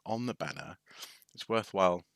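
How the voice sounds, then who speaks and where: Man from North Wales, very low pitch, bright edge, casual rambling live stream, hesitant, dry close sound. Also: lively intonation, normal speed, vocal fry, clear, resonant tone, no echo. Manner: hesitant, lots of ums and restarts, wry asides. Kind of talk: casual rambling show-and-tell.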